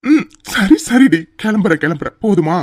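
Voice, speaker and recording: A man's voice: high voice, lively intonation, normal speed. A man voicing Aadhi, a strict, teasing young husband. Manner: teasing, bossy. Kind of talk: cartoon voice acting.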